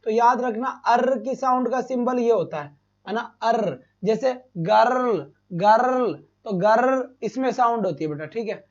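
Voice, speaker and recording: A male teacher giving a live online class, asking questions and answering them himself, and bursting into loud praise. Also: very high voice, unhurried. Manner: addresses students as beta, asks and answers own questions. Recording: dull lo-fi stream audio.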